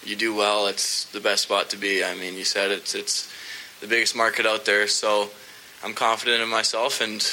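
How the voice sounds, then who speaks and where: Young man speaking flat and bright. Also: lowish voice, normal speed, slight background noise, low-quality recording. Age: young adult. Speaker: hockey player. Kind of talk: press interview answer.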